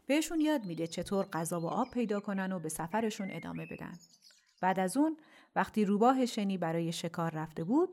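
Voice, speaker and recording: A woman hosting a children's audio story series, narrating in a gentle, intimate, softly spoken way. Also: fairly low pitch. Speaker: storyteller host.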